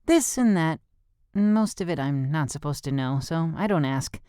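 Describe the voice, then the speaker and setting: An audiobook narrator voicing a lively, blunt teenage girl who exclaims and teases. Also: mid-range voice, moderate pace, smooth, no echo, studio quality, pitched above the performer's own voice, close to an everyday voice. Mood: guarded. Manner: bubbly, exclaiming.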